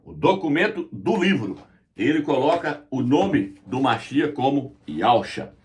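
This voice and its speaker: A man giving a religious lesson at a whiteboard, explaining slowly and spelling out letters as he points. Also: fairly high pitch. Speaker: Bible teacher.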